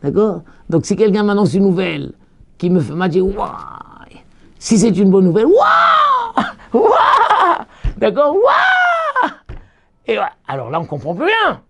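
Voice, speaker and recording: Animated gravelly rabbi giving a lesson. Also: male voice, fast. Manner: animated storytelling, acting out cries with sudden high shouts. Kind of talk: Torah lesson.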